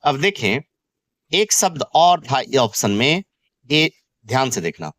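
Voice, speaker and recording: A man's voice: mid-range voice, big pitch swings, unhurried, a bit bright, no room sound. Dry-voiced man teaching vocabulary, Indian accent. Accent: Indian English. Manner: spells words letter by letter, repeats key terms. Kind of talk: exam-prep vocabulary lesson.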